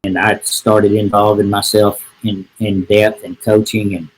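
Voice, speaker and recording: The speaker is a middle-aged man, a real estate agent guesting on a podcast, who tells a casual, folksy story that rambles along with many "and, uh" restarts. His fairly low voice is flat and unhurried, captured with slight background noise and poor audio quality.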